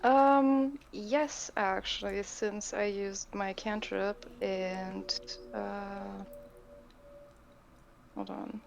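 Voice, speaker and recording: A woman with a gravelly, creaky voice, speaking very slowly as she plays a tabletop game online. She is hesitant and sounds distracted. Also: medium pitch, fairly even intonation, soft background music. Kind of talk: casual chat while playing a tabletop game.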